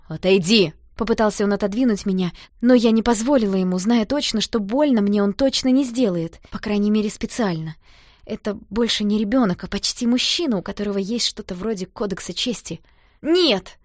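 A woman narrating a first-person audiobook with lively, emotional storytelling. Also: mid-range voice, no echo, studio quality.

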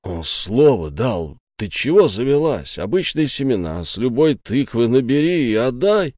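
A man voicing an easygoing, good-natured village husband who talks slowly and calmly. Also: medium pitch, dry recording, studio quality. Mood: placid, reasoning. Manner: slow, placid, drawling.

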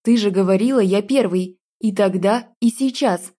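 A woman's voice: mid-range voice, moderate pace, dark tone, close to an everyday voice. A woman voicing a jealous, drunk young man who hurls harsh accusations at his girlfriend in an audiobook. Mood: accusing.

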